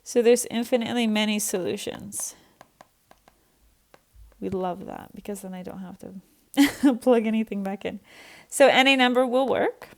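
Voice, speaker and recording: A woman's voice: medium pitch, unhurried. A young woman teaching an online math lesson, chatty and self-deprecating as she thinks aloud.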